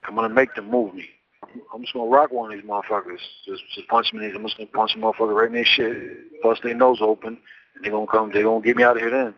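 A man's voice: on the low side, steady tone, fast talker. A man talking bluntly and profanely on a jail payphone call, rambling through his words. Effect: jail payphone call, phone line. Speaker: jail inmate. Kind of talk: phone conversation. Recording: muffled lo-fi phone line.

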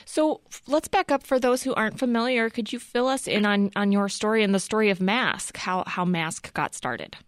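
A woman radio host, calm and supportive, reading a scripted introduction and interviewing a guest. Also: mid-range voice, moderate pace, hardly any pauses, dry recording. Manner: calm, supportive, with brief listening cues.

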